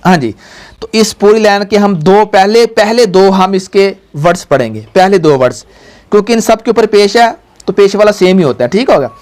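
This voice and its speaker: A woman's voice: medium pitch, animated, normal speed, darkish tone. A woman, a Quran teacher patiently guiding a pupil, drawing out each syllable and having it repeated. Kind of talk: patient recitation lesson.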